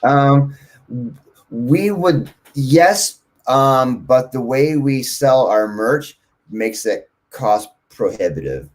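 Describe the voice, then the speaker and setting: A man, a guest musician, answering interview questions casually and telling long, animated stories. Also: medium pitch, very slow. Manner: rambling, animated storyteller.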